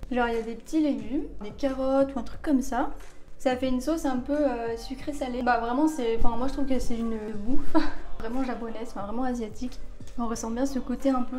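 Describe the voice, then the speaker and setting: A young woman talks her way through a casual food tasting vlog, loose and rambling, with plenty of fillers. Her voice sits a little high and has a mellow, warm tone. Light music plays faintly behind her. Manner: chatty, rambling with many fillers. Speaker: vlogger.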